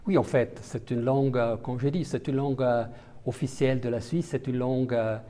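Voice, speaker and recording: A male diplomat from Italian-speaking Switzerland, whose first language is Italian, gives interview answers in a mellow, mid-range voice. His tone is steady and his pace brisk, yet he sounds hesitant, with many fillers and restarts.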